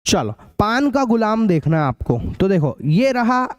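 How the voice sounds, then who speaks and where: A young man with a North Indian accent teaching a live online maths class in a chatty way. He repeats key phrases slowly and calls his students beta and bhaiya. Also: high voice, very animated, dry recording. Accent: Hindi-speaking north India, local card-game terms. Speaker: maths tutor.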